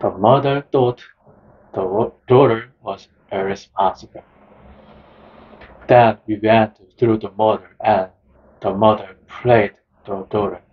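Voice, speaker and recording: A man narrating a nonfiction book in the first person, in a slow, measured reading style. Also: fairly low pitch, steady tone, slightly rough. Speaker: audiobook narrator. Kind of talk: scripted narration. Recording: dull lo-fi sound.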